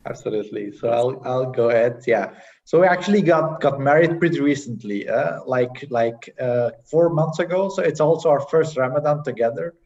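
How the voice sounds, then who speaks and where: A young man sharing his experience as a panel guest in a casual, halting way, with many fillers and restarts, over a video call. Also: medium pitch, darkish tone. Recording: dull distant video-call audio.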